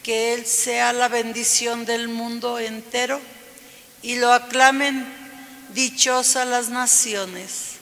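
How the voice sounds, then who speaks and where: A cantor at mass, a man with a very high voice, recites the psalm in a slow, measured way and sings the alleluias. His bright tone is carried by a long cathedral echo. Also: little pitch movement. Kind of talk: liturgical reading with sung refrains. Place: large church. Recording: long church reverb.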